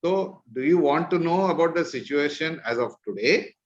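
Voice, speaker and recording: A man's voice: fairly high pitch, expressive, moderate pace. A man with a North Indian accent leading an online discussion, explaining points informally and checking in with listeners. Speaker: discussion leader, presenter. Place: virtual meeting call. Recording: dull, lo-fi online call.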